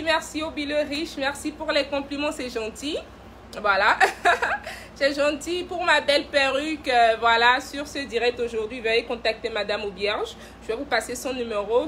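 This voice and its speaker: A woman's voice: sits high, fairly bright tone, slight background noise. Playful woman hosting a sales live stream. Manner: playful, teasing, laughs often, greets viewers by name. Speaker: cosmetics brand director hosting a live stream. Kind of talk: casual live-stream selling chat.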